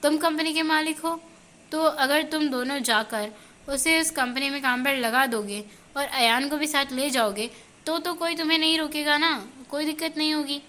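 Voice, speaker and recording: A bossy mother scolding her grown sons, read by a woman. Her voice is high and sharp, with a lot of push behind it. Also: normal speed.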